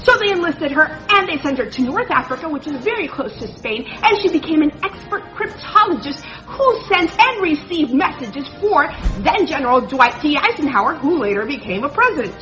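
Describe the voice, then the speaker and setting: Bright, high-voiced playful woman storyteller. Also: lo-fi sound. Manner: breezy and joking, slips in Spanish phrases. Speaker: presenter.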